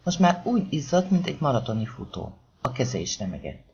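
Guy reading an audiobook, very lively pitch, kinda dull lo-fi sound. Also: vocal fry, slight background noise. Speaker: audiobook narrator. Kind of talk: scripted narration of a crime novel.

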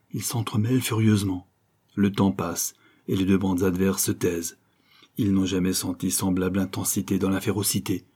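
A man's voice: fairly low pitch, mellow, husky. A man reading a novel aloud as an audiobook narrator, in an intense, dramatic delivery.

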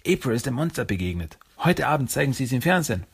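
A man's voice: mid-range voice, sing-song, quick pace, gravelly, slightly rough, voice pushed up, exaggerated voice. A man voicing an eager, joking young male mutant turtle in a storybook reading.

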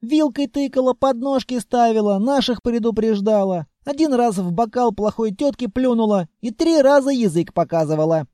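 A man's voice: very high voice, moderate pace, hardly any pauses, warm tone, dry recording, studio quality, voice pushed up. A man voicing a mischievous, pouty little girl in an audiobook, squealing and whiny. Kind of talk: audiobook character voice.

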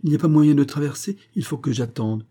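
A blunt, exasperated cab driver of old Paris, speaking in a raised, brisk voice, as a man reading aloud puts him on. The tone is dark and a little husky. He comes from a storybook audiobook. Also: a little high, pitched above the performer's own voice. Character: impatient Parisian cab driver, plain-spoken.

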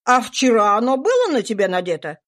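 A woman voicing a stern, exasperated spinster aunt who scolds with sharp questions. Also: on the high side, sing-song, a little fast.

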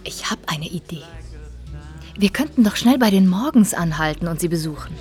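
In a radio drama, a woman plays a restless wife out drinking at Christmas, coaxing, persuasive and insistent. Her lowish voice is expressive and a little mellow at a moderate pace, lightly acted, with faint music behind.

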